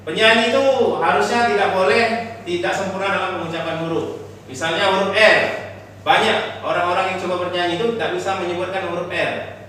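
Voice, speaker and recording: A man's voice: high-pitched, fairly even intonation, fairly quick, sharp tone, a little hiss or hum. A man teaching a singing lesson in a classroom, explaining patiently and singing short examples and solfege. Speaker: music teacher. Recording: echoey classroom from far off.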